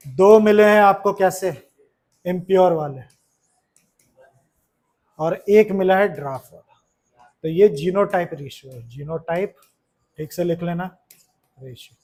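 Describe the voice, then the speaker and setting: एक पुरुष शिक्षक कक्षा में छात्रों को पढ़ा रहा है, बार-बार सवाल पूछता है और मज़ाक में छेड़ता है।. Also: male voice, high voice, mellow. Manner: chatty, keeps asking questions, teasing. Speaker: teacher. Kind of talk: classroom lesson to students. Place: classroom.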